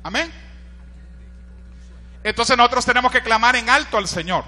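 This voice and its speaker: High, bright Honduran pastor preaching. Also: male voice, normal speed, big-room sound, soft background music. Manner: animated preaching, shouts quoted cries, frequent rhetorical asides to listeners. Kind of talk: sermon.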